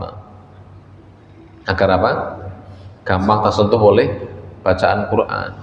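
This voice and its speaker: A man's voice: mid-range voice, a little hiss or hum. A male preacher gives a folksy, conversational mosque lecture, speaking to his listeners directly and slipping in words. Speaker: preacher teaching a religious study circle. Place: mosque hall. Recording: echoey dull mosque hall recording.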